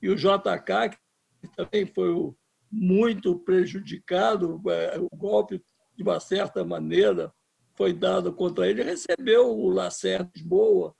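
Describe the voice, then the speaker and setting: A man's voice: high-pitched, fairly even intonation, unhurried, gravelly, darkish tone, husky. A man in his seventies from Brazil, a filmmaker speaking in an interview with impassioned, emphatic talk. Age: 70s. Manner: impassioned, emphatic, restarts words. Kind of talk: political interview.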